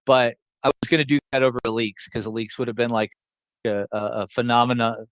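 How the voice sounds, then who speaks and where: A man's voice: medium pitch, steady tone, quick pace, clean tone, dry recording, low-quality recording. A man teaching a class over a video call, explaining in a casual, joking way and repeating his points to keep them simple. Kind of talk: casual online class lecture.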